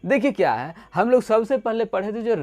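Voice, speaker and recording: A man's voice: sits high, animated, fairly quick, a little mellow. A man teaching an English grammar lesson, explaining playfully and acting out little stories as he goes. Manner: playful, asks rhetorical questions, tells little stories.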